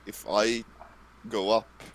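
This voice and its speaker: A man's voice: on the low side, level tone, slow, poor audio. A young man playing a tabletop game, speaking in a blunt, offhand way. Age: young adult. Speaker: player. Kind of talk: casual chat.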